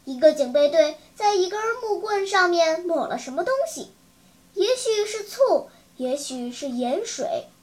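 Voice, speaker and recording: A woman's voice: very high-pitched, lively intonation, unhurried. A woman narrating a children's story in a vivid, dramatic storytelling manner. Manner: vivid, dramatic, clear enunciation.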